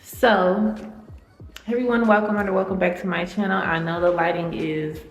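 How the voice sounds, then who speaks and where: A vlogger with a fairly low-pitched, steady voice speaks at a moderate pace while giving her viewers a chatty, informal tour of an empty, unfurnished apartment. The bare rooms give her voice a big hall echo, and faint music plays in the background.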